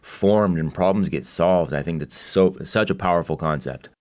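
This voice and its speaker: Extremely low male voice, resonant, casual host, dry close sound. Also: moderate pace, darkish tone, no echo. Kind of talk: casual conversational hosting.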